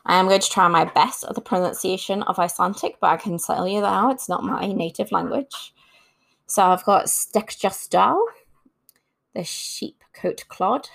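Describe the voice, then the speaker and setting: Speaking as host of a casual folklore talk, a woman reads from her notes and drops in offhand remarks. Her voice is gravelly and on the low side.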